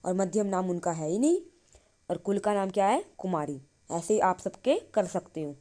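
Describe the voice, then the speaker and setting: A woman with an expressive, mellow, medium-pitched voice explains Sanskrit grammar in Hindi. Asking questions and then answering them, she reads at a slow pace, drawing every syllable out.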